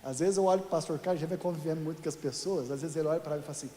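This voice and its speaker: A man's voice: on the high side, very fast, dark tone, slight background noise. A man from Brazil, a pastor preaching a sermon in a chatty, joking way to his congregation, often calling them "dear". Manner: addresses listeners as "querido". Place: church sanctuary. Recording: echoey church hall.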